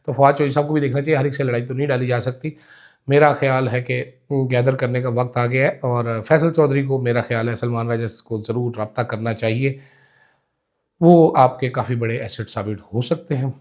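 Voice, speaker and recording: A man's voice: medium pitch, fairly even intonation, a little fast, darkish tone. Sarcastic Pakistani man doing political commentary. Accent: Pakistani Urdu. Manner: sarcastic, mocking asides with quoted voices.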